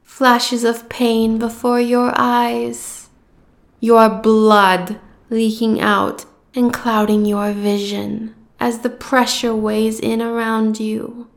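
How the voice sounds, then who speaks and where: A woman voicing a cruel, gloating giant goddess who speaks in slow, taunting threats. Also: fairly high pitch, flat delivery. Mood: menacing. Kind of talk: fantasy audio roleplay.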